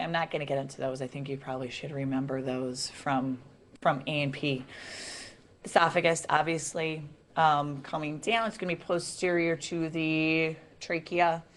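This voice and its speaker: A woman giving a classroom lecture in a chatty, relaxed way, asking the students questions as she goes. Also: sits low.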